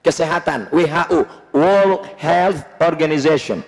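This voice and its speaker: A man preaching a humorous, lively sermon in a mosque, with bursts of shouting. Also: fairly high pitch, a little slow, vocal fry. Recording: long reverb in mosque hall.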